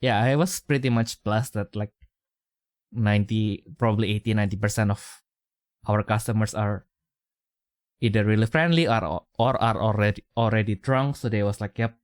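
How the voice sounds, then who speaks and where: A man's voice: fairly low pitch, steady tone, normal speed, clear, resonant tone, no echo, clean studio sound. A young man with an Indonesian accent chatting casually as a podcast co-host, rambling through fillers and restarts. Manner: rambling, many fillers and restarts, chuckles often.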